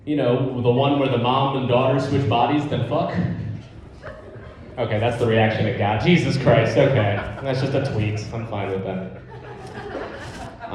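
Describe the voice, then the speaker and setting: On stage at a live comedy show, a man performs stand-up in a rambling, profane, conversational style. His voice sits at medium pitch, and the rough recording is very echoey.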